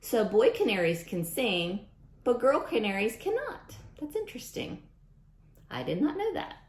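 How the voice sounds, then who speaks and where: Reading a picture book to young children, a woman with a voice on the high side speaks expressively at a moderate pace, tossing in chatty asides to her listeners. The room is echoey.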